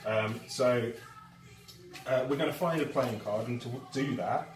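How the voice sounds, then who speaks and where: A man's voice: mid-range voice, measured pace, distant mic. A young man performing magic, talking chattily to his audience with frequent laughs and fillers, recorded from afar in a roomy space with faint music. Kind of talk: live magic performance patter.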